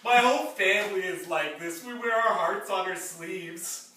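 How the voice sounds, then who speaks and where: A man's voice: high voice, moderate pace, pushed and bright. A man on stage playing a tearful, self-pitying alien henchman in a rambling comic monologue, recorded from far off in a theatre. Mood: whining. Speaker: stage actor. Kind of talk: live stage comedy acting. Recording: echoey theatre from far off, noisy.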